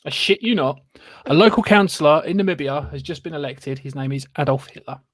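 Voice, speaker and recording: A man's voice: fairly high pitch, brisk, dry recording. A British man co-hosting a live sports chat show, teasing and dry in casual banter over a video call. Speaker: podcast co-host.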